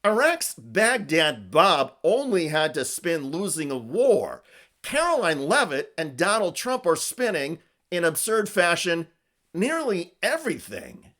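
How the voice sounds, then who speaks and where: A man's voice: on the high side, big pitch swings, unhurried, fairly bright tone. A man hosting a scripted political news commentary with an emphatic, punchy delivery.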